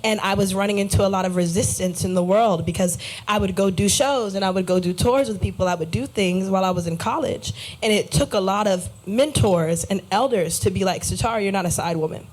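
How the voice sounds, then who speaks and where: A woman's voice: mid-range voice, brisk, hardly any pauses, poor audio. An American woman in her young adult years talks about her path in an earnest, reflective way. Her voice sits in a medium range. It was recorded at a live event in a cafe. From United States. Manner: warm, earnest and reflective, with lively quoted voices. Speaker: guest musician. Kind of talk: casual live interview.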